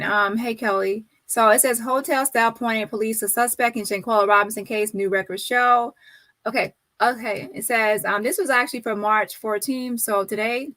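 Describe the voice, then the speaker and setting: Woman, sassy commentary host, very bright voice, slangy dramatic delivery, close dry sound. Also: on the high side, no room sound. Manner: sassy, dramatic reactions with slang like "child", "hunty", "y'all". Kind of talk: casual news commentary, reading articles aloud with reactions.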